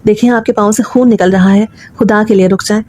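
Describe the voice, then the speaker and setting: A woman's voice: medium pitch, fairly even intonation, dark tone, lightly acted. A woman voicing a patient young daughter-in-law who pleads humbly and tearfully, in a storybook reading. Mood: pleading.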